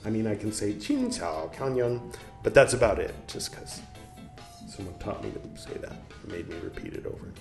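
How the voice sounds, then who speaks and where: Speaking fairly quickly in a fairly low, creaky voice with a darkish tone, a man reads a book aloud casually and keeps breaking off into rambling jokes. Faint music plays in the echoey room around him.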